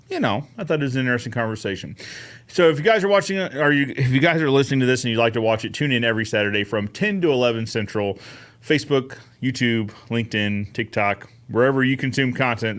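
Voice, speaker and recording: A man's voice: medium pitch, fairly bright tone. A man hosting a casual live-stream Q&A, upbeat and chatty, greeting viewers by name between answers. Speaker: host of a live Q&A show.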